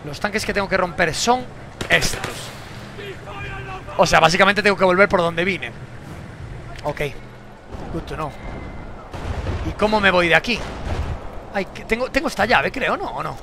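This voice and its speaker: A young man, streaming a game with casual commentary, swearing and bursting into shouts. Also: sits high, normal speed, vocal fry, pauses often, noisy background.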